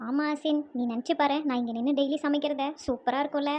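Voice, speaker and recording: A woman's voice: sits high, fairly even intonation, fast, darkish tone, natural voice. A woman voicing a flustered, thrifty housewife in a cartoon, exclaiming and scolding. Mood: eager.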